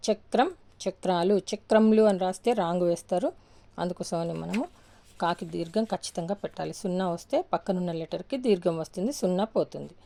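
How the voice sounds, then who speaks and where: A woman's voice: on the low side, a little fast, vocal fry, dark tone. A woman teaching a grammar lesson, patiently repeating each word pair and answering her own questions. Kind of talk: slow step-by-step grammar lesson.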